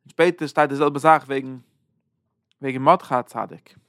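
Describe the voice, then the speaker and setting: A man teaching a Zohar lesson, halting and repeating words, swinging between loud and soft. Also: mid-range voice, steady tone, no room sound, clean studio sound. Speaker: Torah teacher.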